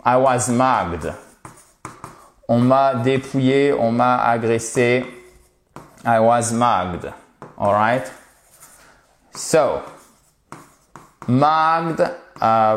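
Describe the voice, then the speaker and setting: A man teaching English in French, slowly explaining test answers and modeling pronunciation. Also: mid-range voice, roomy sound. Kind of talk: French-language English lesson.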